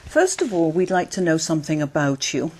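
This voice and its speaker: A woman examiner asking set questions in a speaking test, measured and clear. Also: low-pitched, big pitch swings, a little mellow, slight background noise. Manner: measured and clear, encouraging murmurs. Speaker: exam interviewer.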